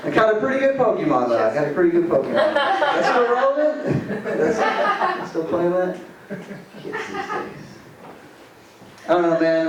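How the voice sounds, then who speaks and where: A man in his late twenties performs a stand-up set in a loose, rambling way, his pitch jumping high and low. He is picked up from some distance in a reverberant club, with steady room noise behind him. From Arizona. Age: 20s. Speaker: stand-up comedian. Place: comedy club stage. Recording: echoey room, voice from far off, audible room noise.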